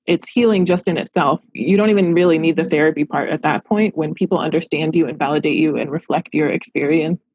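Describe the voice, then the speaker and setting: A woman's voice: sits low, a little fast, few pauses, darkish tone, husky, dry recording, rough recording. A woman in her thirties from Los Angeles, a therapist answering interview questions in a reflective, earnest way. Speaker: therapist and practice owner.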